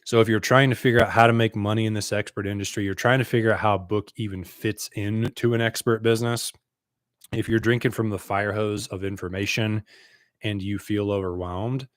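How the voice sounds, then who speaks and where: A man's voice: lowish voice, fairly even intonation, brisk, no room sound, studio quality. A man in his thirties from the United States, a business coach telling his own story to camera in an earnest, conversational way.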